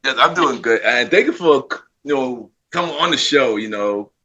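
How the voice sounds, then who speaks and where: A man's voice: medium pitch, lively intonation, normal speed, pushed and bright, lo-fi sound. A man hosting a podcast, interviewing a guest in a laid-back way, often repeating his phrases. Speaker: podcast host. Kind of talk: casual interview.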